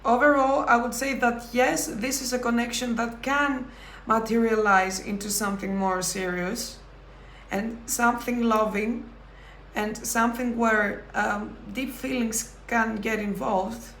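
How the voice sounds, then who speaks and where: Slow, measured woman reading tarot. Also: fairly high pitch, fairly even intonation, a bit bright, roomy sound, a little hiss or hum. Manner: slow, thoughtful delivery with pauses and self-corrections. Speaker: tarot reader. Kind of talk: pick-a-card tarot reading.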